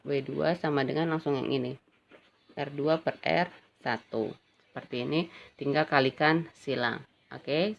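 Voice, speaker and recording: A woman physics teacher gives a casual classroom lecture, chatty and checking in with her students often. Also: low voice. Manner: chatty, addresses students as "Nak", frequent "ya kan". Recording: dull lo-fi recording with faint ambient noise.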